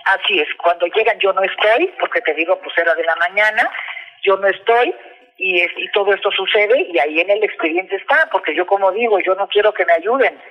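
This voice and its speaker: A woman's voice: mid-range voice, a little fast, highs cut off. A woman giving testimony in an interview, insistent and repeating herself as she acts out what others said.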